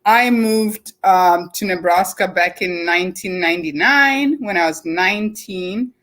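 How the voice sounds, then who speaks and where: A woman's voice: on the low side, measured pace, a bit bright. A woman in her forties from Zimbabwe, with a mixed Zimbabwean, English and American accent, telling her story as an interview guest. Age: 40s. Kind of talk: casual interview chat.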